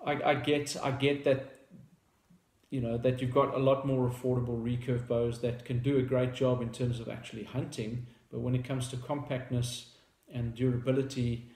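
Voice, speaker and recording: A South African man in his thirties, a company founder, casually explains a product to the camera from a table in a small indoor room. His medium-pitched voice barely moves in pitch, comes at a moderate pace with a slightly mellow quality, and the room adds reverb. He sounds hesitant, full of fillers and restarts.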